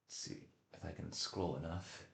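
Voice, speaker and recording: Man, very low voice, casual livestream commentary, halting delivery, repeated words, roomy echo. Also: fairly even intonation, gravelly, fairly bright tone. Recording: echoey room.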